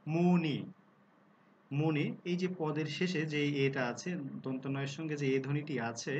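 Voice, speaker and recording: A man giving a recorded lesson on pronunciation, explaining rules, asking rhetorical questions and sounding out example words slowly. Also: on the high side, a little mellow, muffled recording, a little hiss or hum. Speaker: Bengali language teacher.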